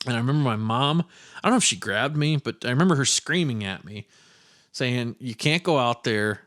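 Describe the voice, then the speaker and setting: A podcast host from Iowa tells a childhood story in a casual monologue that rambles, swears, and pokes fun at himself. His voice is medium-pitched and a bit bright, with lively intonation and a fairly quick pace.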